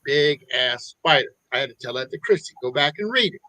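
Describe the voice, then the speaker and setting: A man of middle pitch hosts the show in an easy, matter-of-fact way and holds his ground when the others disagree. His voice sits close and dry on the mic. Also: lively intonation, a little fast, bright, forceful tone, dry recording, poor audio. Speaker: podcast host. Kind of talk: casual show wrap-up chat.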